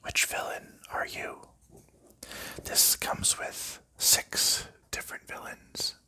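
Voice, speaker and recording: In this ASMR video, a male creator shows off board games in a soft whisper. His pace is unhurried and his manner gentle, with plenty of filler words.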